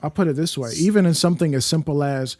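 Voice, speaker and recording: A man with a fairly high voice hosts a podcast, recorded dry and close. He talks in a loose, thoughtful way, restarting sentences as he works out his point. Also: fast, a little mellow, no echo. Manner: conversational, thoughtful, self-interrupting. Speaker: podcast host. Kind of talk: casual conversation.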